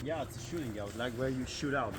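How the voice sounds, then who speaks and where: A man's voice: medium pitch, racing. A man chatting casually as he explores inside a concrete bunker. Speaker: exploring companion. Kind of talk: casual chat while exploring.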